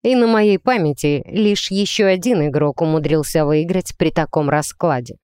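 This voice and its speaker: A woman voicing a calm male team coach in an audiobook, speaking dryly and steadily. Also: low voice, normal speed, smooth, no room sound, natural voice. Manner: dry and steady.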